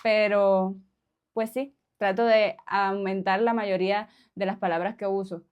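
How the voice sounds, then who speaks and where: A woman's voice: mid-range voice, fairly even intonation, a little slow, a little mellow, smooth, highs cut off. A woman from Cuba with a Cuban accent, chatting casually to her viewers, laughing often and tossing in little questions. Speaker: vlogger. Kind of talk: casual chat to camera.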